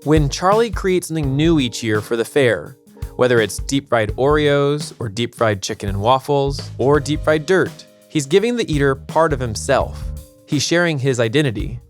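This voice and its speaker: A man narrating a podcast episode in a measured, reflective scripted style. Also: mid-range voice, animated, soft background music.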